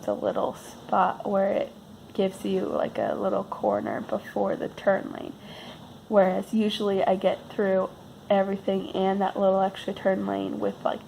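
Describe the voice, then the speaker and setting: A woman's voice: medium pitch, vocal fry, a little mellow, a little hiss or hum, poor audio. A woman vlogger who sounds sick and losing her voice, telling a casual, rambling personal story with wry, self-deprecating understatement.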